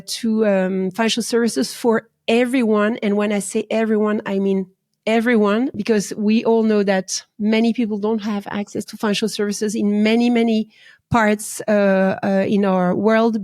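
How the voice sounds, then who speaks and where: A woman hosting an interview podcast, hoarse from being ill, polite and hesitant with many pauses and fillers. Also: a little high, a little mellow, no echo, clean studio sound. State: hoarse from illness. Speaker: podcast host.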